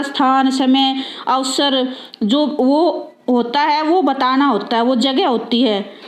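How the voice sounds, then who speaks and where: A woman's voice: high-pitched, reverberant. A woman teaching a grammar lesson, repeating definitions and asking her students rhetorical questions.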